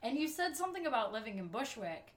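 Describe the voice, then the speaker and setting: A guest telling a lively story with laughs, chatting casually in a home studio. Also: female voice, on the high side, fast talker. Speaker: guest, singer. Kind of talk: casual chat. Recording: echoey room.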